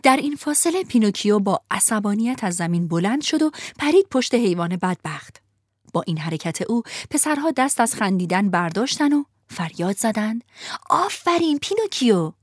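A woman narrating a storybook in an expressive, vivid manner. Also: mid-range voice, no echo, studio quality.

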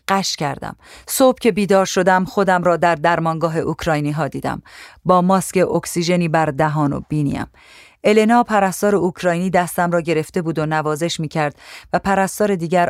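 A narrator reading a first-person memoir in a measured, somber way on a close mic. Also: medium pitch, no room sound. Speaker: audiobook narrator.

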